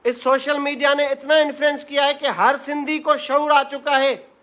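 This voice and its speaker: A man from Sindh, Pakistan, delivers a heated political address straight to camera. His voice sits very high, with a bright and forceful edge. He hammers his points home and repeats phrases in fiery, rhetorical bursts. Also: flat delivery, normal speed. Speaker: political commentator.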